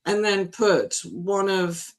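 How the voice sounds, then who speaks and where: A woman's voice: medium pitch, steady tone, takes it slowly. Woman guest artist, rambling, emotional, laughs a lot, casual stream chat.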